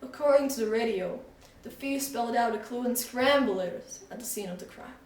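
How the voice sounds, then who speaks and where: A woman voicing a jolly, excitable male shopkeeper who stretches his words out for drama, in a storybook reading. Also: on the high side, natural voice. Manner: drawn-out, dramatic emphasis. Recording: echoey room, voice from far off.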